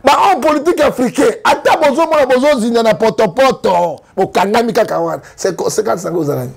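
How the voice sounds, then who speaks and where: A Congolese man with a Congolese French accent, talking politics with emphatic rhetorical questions. His voice sits very high and gravelly and swings in lively arcs. A faint hiss runs under the recording. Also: a little fast. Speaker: commentator. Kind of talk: animated political commentary.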